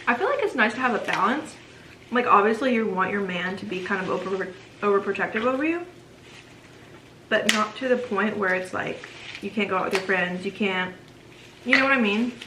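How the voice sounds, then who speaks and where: A woman's voice: medium pitch, expressive, moderate pace, pauses often. A young woman in her twenties hosting a casual Q&A chat while eating, talking chattily with lots of "like". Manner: chatty, says "like" a lot. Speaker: vlogger and host. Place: home room. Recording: echoey home room with noise.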